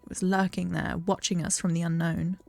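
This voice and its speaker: A woman voicing a young fortune-teller witch in a video game, reading the dialogue softly and earnestly. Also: lowish voice, flat delivery, a little fast, creaky, soft background music. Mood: tender.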